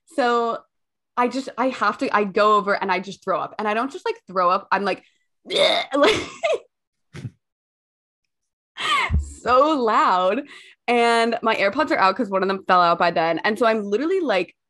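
A woman's voice: medium pitch, expressive, moderate pace, fairly bright tone. Hungover young woman podcaster. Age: young adult. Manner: candid, self-mocking storyteller; casual, swears freely. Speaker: podcast co-host. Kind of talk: casual podcast chat.

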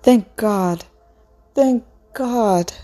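A woman's voice: mid-range voice, big pitch swings, a little slow, a little mellow, faint music behind, pitched above the performer's own voice. A woman reading aloud and voicing an earnest, emotional teenage girl in a storybook. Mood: tearful relief.

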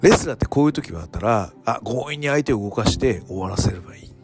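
Male podcast host, mid pitch, very animated delivery, casual monologue with faint music underneath. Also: fast talker. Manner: animated, dramatic, swings between loud alarm and hushed whispers. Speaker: podcast host reviewing wrestling shows.

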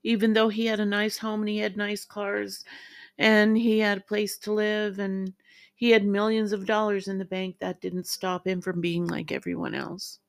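A middle-aged woman hosting her own podcast, speaking in a halting, heartfelt way as she gets emotional. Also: medium pitch, level tone, creaky. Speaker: podcast host. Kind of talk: emotional solo podcast tribute.

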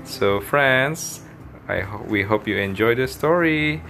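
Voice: mid-range voice, animated, slow pace, a bit bright, a little hiss or hum. An adult hosting a children's story show, talking simply and encouragingly to young viewers as friends. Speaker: host of a children's read-aloud video.

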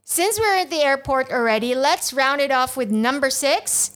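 A woman's voice: high-pitched, lively intonation, normal speed, fairly bright tone. A woman co-hosting a show in casual comic chat, with a playful, bantering manner. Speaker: podcast co-host.

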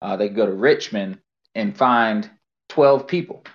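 A man co-hosting a casual sports podcast, explaining things earnestly with frequent halting restarts. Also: fairly low pitch. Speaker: podcast co-host. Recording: muffled lo-fi podcast audio.

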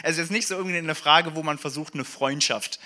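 A man preaching a sermon in a casual, animated way, with fillers and humor, reading scripture aloud. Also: a little high, brisk. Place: church service hall.

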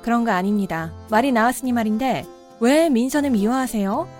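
A woman's voice: fairly high pitch, a little fast, a little mellow, lightly acted. A woman voicing a respectful yet insistent daughter-in-law and mother, in a cartoon drama. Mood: firm. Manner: polite, respectful, growing insistent. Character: daughter-in-law, polite but firm mother. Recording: faint background music.

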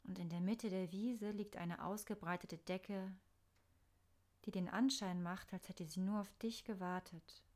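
A woman narrating a scripted guided meditation in a soft, soothing, unhurried manner with pauses. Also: medium pitch, steady tone.

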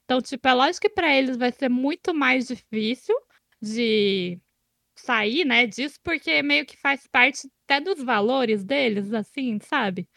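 A woman's voice: high-pitched, measured pace, fairly bright tone, no echo, clean studio sound. A woman with a Brazilian accent hosting a casual podcast chat. She is chatty and often tags her phrases with questions. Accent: Brazilian Portuguese. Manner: chatty, often ending with "né?" and "sabe?". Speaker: podcast host.

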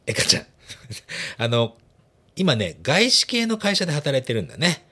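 A man's voice: mid-range voice, normal speed, husky. A man hosting a casual bilingual chat show, talking animatedly and laughing often. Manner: animated, laughing, switches between Japanese and bits of English. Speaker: host.

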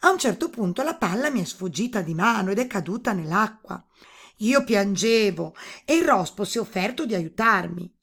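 A woman's voice: mid-range voice, vocal fry, a bit bright. A woman voicing a spoiled, impatient young princess in a storybook reading. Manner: eager and quick to promise.

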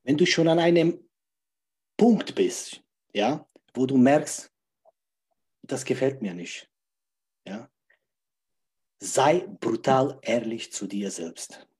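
In a podcast conversation, a guest with a mid-range, darkish voice speaks slowly and leaves long pauses. He's emphatic, going back over key phrases and repeatedly checking in with "ja?"

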